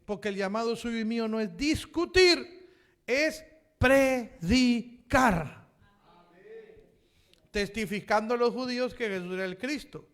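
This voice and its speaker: High, bright-voiced pastor preaching. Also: male voice, a little fast, clear, resonant tone. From Chile. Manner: impassioned preaching that rises to shouts, then drops to quiet asides; addresses the congregation as brother, with repeated amens. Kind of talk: sermon.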